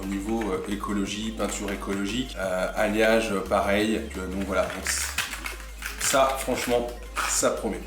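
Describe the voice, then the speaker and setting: A man hosting a casual unboxing vlog, chatting admiringly about what he shows and often dropping to a soft murmur. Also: fairly low pitch. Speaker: fishing channel host. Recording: echoey room with faint music.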